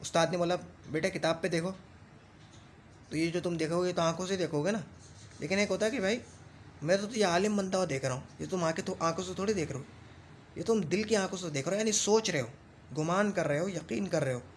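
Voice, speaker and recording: A man teaching Arabic grammar in a classroom lesson, reciting lists of rules slowly and repeating them, and checking in often as he explains. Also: high-pitched, a little hiss or hum. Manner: explains patiently with frequent check-ins.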